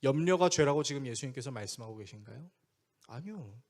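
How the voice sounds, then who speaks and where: A man's voice: expressive, a little fast, darkish tone. A man preaching a sermon as pastor, speaking conversationally and asking the congregation questions. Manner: acts out quoted voices with big pitch swings.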